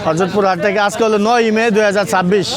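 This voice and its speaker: A man's voice: high-pitched, steady tone, very fast. A Bangladeshi man vlogging from a busy outdoor cattle market, calling out questions to passers-by and repeating prices back in exclamatory commentary. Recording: loud outdoor crowd and traffic.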